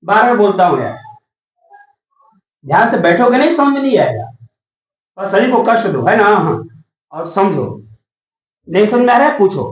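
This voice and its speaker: A man teaching a class, constantly asking questions back and spelling words out slowly. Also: high-pitched, sing-song. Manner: asks the class rhetorical questions and repeats answers; spells words letter by letter slowly, calls out key words. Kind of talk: classroom lesson. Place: classroom with students. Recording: echoey room, voice from far off the mic.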